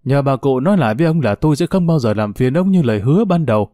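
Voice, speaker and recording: A man voicing a resigned, quietly hurt older grandmother who speaks in a subdued way. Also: medium pitch, lively intonation, fast talker, no room sound, clean studio sound, natural voice.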